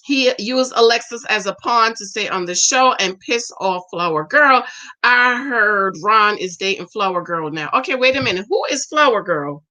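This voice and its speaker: A woman's voice: medium pitch, lively intonation, moderate pace, bright, forceful tone. A woman in her forties giving casual livestream commentary, reading viewer comments aloud and reacting in a sassy, chatty way. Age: 40s. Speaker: show reviewer reading live comments.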